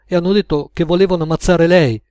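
A man's voice: on the high side, steady tone, fast talker, darkish tone, clean tone, dry recording, pitched above the performer's own voice, lightly acted. Man voicing Nick, an earnest shaken young man. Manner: earnest, blustering.

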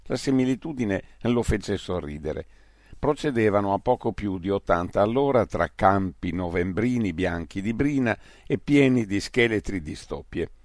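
A man narrating a novel as an audiobook in a steady, measured reading. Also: fairly low pitch, no echo, clean studio sound. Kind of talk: scripted narration.

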